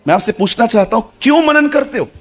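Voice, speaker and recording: A man's voice: extremely high pitch, quick pace, soft background music. A man preaching a sermon to a congregation, acting out little dialogues and putting questions to the crowd. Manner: lively, acts out dialogue, addresses congregation.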